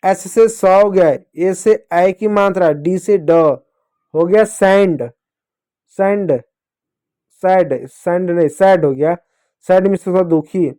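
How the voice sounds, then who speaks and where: Male kids' teacher, high voice, patient, spells each word out letter by letter. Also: dark tone. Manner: slow, syllable-by-syllable spelling out of words; addresses children fondly as dear kids. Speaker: English teacher for children. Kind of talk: phonics lesson for kids.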